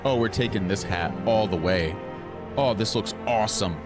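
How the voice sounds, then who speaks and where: A man's voice: fairly low pitch, moderate pace. A man chatting playfully and casually with viewers as he comments on his gameplay. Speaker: game streamer. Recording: game music behind the voice.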